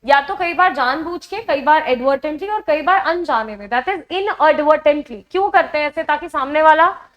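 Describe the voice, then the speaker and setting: A woman's voice: sits high, animated, moderate pace, highs cut off. An Indian woman teacher explaining vocabulary in a lesson, switching between Hindi and English and checking in with her students as she goes. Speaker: exam coaching teacher. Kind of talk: online classroom lesson.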